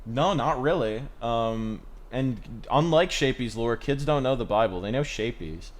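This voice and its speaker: A man's voice: medium pitch, lively intonation, unhurried. A man co-hosting a casual podcast, rambling and swearing as he retells a show and acts out its lines. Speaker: podcast co-host. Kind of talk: casual chat.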